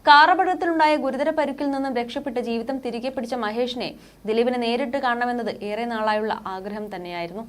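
A woman narrating a scripted entertainment news report in a steady, formal read-out manner. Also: fairly high pitch, fast talker. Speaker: news reader.

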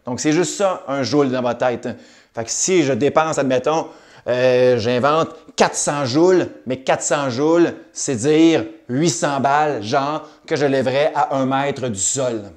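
A man's voice: medium pitch, a little slow. A man with a Québécois accent teaching a recorded math lesson, upbeat and cracking jokey asides.

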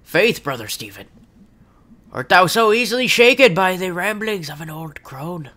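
A man voicing a steady, pompous young pioneer who speaks in slow archaic declamation. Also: high-pitched, full character voice. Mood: steadfast.

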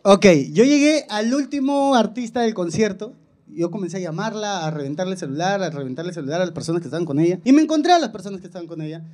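A man's voice: sits high, fast talker. A Peruvian man hosting a casual comedy chat, telling his side of a story with coarse jokes. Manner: animated storyteller, coarse and joking. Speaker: host.

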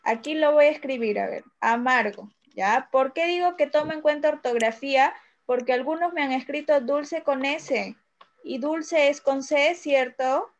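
A primary school teacher with a Peruvian Spanish accent reviews an exam with young children during an online class. Her voice is high and her speed normal, and she patiently checks in with them often. The video-call audio is lo-fi.

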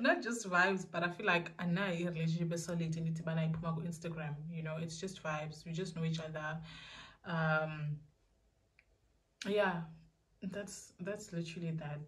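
A young South African woman talks casually to her viewers. Her voice is a little low for a woman. She rambles through her answers and often repeats herself. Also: fairly even intonation, normal speed. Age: young adult. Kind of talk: casual question-and-answer vlog. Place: small indoor room.

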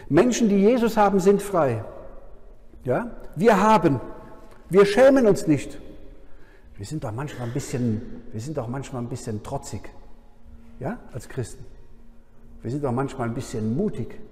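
A man preaching a sermon at a Bible conference, his voice fairly high yet mellow and dark in tone. He keeps turning to the listeners with a questioning "ja?". The sound carries a long reverb from a large hall. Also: lively intonation, moderate pace, long pauses, slight background noise. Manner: frequent questioning "ja?" to the audience.

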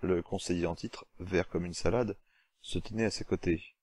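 Male narrator, deep, measured, dry booth sound. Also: steady tone, a little mellow, breathy edge, dry recording. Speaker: audiobook narrator. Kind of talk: scripted narration.

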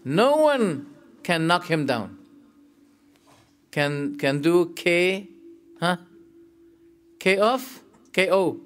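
A man giving a religious lesson and explaining scripture verses, emphatic and animated, his voice rising on key points as he tells stories. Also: high-pitched, extremely slow, long pauses, faint music behind. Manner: tells stories, sometimes emotional. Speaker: sheikh teaching Islamic creed.

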